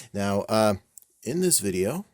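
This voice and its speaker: A man's voice: lowish voice, no room sound, clean studio sound. A man hosting a hobby build video, talking casually with fillers and self-deprecating chuckles, a little stiff and robotic in delivery. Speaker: scale model builder and channel host.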